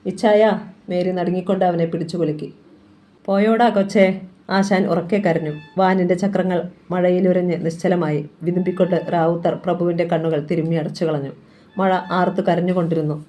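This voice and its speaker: A woman's voice: lowish voice, little pitch movement, fast, warm tone. A woman reading a crime thriller novel aloud as scripted narration, with a dramatic delivery. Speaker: novel reader.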